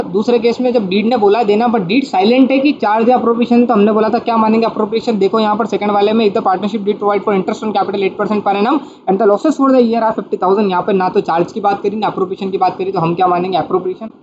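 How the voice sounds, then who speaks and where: A high-voiced man teaches an accounting lesson, asking his own questions and answering them one step at a time. The recording sounds dull and lo-fi, with a faint hiss under it. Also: a little mellow. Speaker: commerce teacher.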